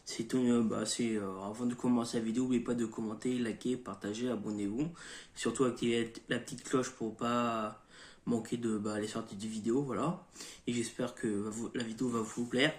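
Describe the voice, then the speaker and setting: A man's voice: mid-range voice, husky. A man hosting his channel, explaining a topic in an informal way, full of fillers, restarts and self-corrections. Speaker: YouTube channel host. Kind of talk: informal educational talk, partly read.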